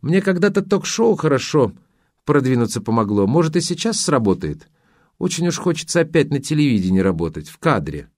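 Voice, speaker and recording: A naive, glamorous young woman hungry for TV fame, as a male audiobook reader puts her on, talking lightly and chattily in a raised, bouncing pitch. The recording is close and dry, with no room sound. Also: very animated, a little fast, warm tone, no room sound. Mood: carefree. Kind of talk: audiobook character voice.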